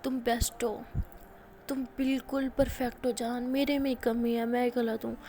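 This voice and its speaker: A woman voicing a remorseful young woman who apologizes in a soft, hushed voice. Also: on the high side, flat delivery, normal speed, noisy background, natural voice.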